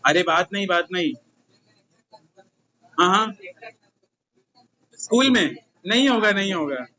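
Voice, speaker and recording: A man's voice: high voice, expressive, slow pace, pushed and bright, low-quality recording. Chatty Indian man teaching a class. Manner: chatty, teasing students. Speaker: commerce tutor. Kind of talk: casual classroom talk.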